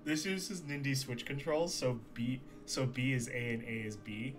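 A streamer chatting casually over a game, excitable, self-mocking and quick to swear. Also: mid-range voice, music in the background.

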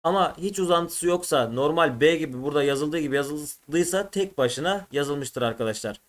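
A man with a slightly high voice teaches an exam-prep lesson. He sounds out letters and syllables one at a time and talks directly to his students. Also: expressive, normal speed.

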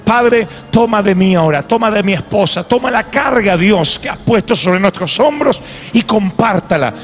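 A man pastor preaching a fervent sermon in a church, praying aloud, swinging from shouts to hushed pleas. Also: high voice, expressive, moderate pace.

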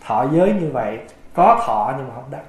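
A Buddhist monk giving a gentle dharma talk, now and then chanting verse passages from scripture. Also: male voice, medium pitch, sing-song, moderate pace. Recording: echoey room.

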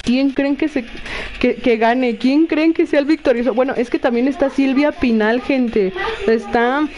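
A woman's voice: sits high, a little slow, a little mellow. A young Mexican woman streaming a game live, chatting playfully with her viewers and laughing often. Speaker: Twitch streamer. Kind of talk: casual live-stream chat while gaming.

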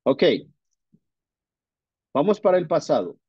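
Slow, patient male English teacher. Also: a little high, sing-song, dark tone, slightly rough, no room sound, dull audio. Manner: slow, patient, model pronunciation. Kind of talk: online class drill.

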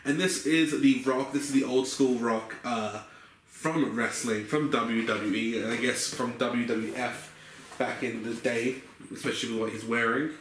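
A man's voice: medium pitch, unhurried. Young aussie guy chatting about his gifts, lots of uhs, roomy echo and a bit of hiss. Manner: relaxed, rambling, many fillers. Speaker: vlogger. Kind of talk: casual haul video. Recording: echoey room with faint noise.

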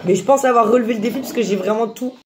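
A woman's voice: fairly high pitch, rapid-fire. A young woman chatting casually to camera as host of a food challenge, exclaiming and complaining with her mouth burning from spicy food. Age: young adult. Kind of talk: casual chat to camera in a chilli candy challenge. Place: small kitchen, indoors. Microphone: phone on the table. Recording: echoey kitchen, noisy phone recording.

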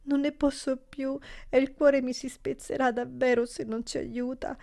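A woman's voice: high-pitched, steady tone, normal speed, creaky, darkish tone, voice pushed up. A woman voicing a grief-stricken young girl who pleads through sobs in a storybook reading. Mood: pleading. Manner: sobbing pleas.

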